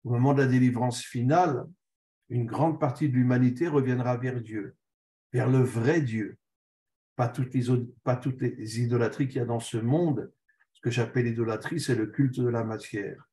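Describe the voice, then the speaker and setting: A man's voice: mid-range voice, steady tone, normal speed, mellow. Male rabbi teaching, reads a passage then unpacks it, earnest and repetitive for emphasis. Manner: reads short passages aloud, then explains them in plain terms; earnest, repeats key phrases for emphasis. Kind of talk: religious text lesson.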